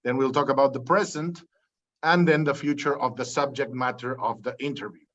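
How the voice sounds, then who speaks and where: This Peruvian podcast host talks fairly quickly in a medium, slightly bright voice, though the recording is muffled. Introducing the interview format and quizzing his guest, he enumerates topics and often starts sentences over.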